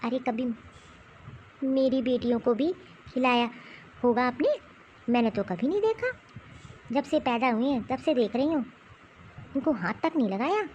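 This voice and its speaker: A woman's voice: high-pitched, animated, moderate pace, long pauses, darkish tone, dull audio, slight background noise. A woman voicing a protective young mother in a cartoon who lectures her mother-in-law at length. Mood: indignant. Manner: indignant, lecturing. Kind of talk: cartoon voice acting.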